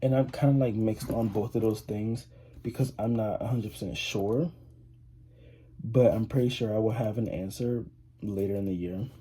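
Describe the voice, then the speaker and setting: A man's voice: on the low side, normal speed, mellow, slight background noise. An eighteen-year-old man chatting casually to camera as a vlogger, rambling with lots of fillers and restarts. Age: 18, teenager. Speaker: vlogger, high school student.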